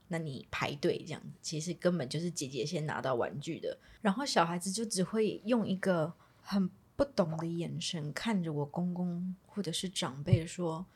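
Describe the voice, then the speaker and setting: Husky woman in casual chat. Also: on the low side, a little mellow.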